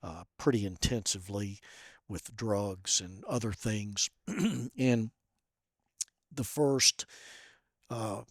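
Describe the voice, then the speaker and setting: Brief: male guest, gentle halting storyteller, close dry sound. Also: on the low side, no echo. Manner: soft-spoken and halting, with many fillers. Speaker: podcast guest. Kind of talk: personal storytelling.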